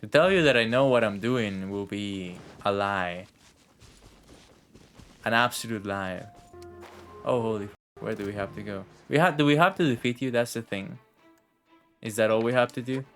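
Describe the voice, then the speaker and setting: Faint game music plays behind this streamer as he casually comments on his game live, talking to himself and occasionally cursing. He has a lowish, slightly bright voice and a moderate pace, broken by long pauses.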